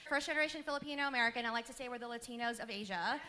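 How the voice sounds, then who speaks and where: Bright, lively woman in her thirties. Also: fairly high pitch, racing. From Queens, New York. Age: 30s. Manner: lively, laughing, storytelling. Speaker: panelist, business owner. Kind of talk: panel talk to a live audience.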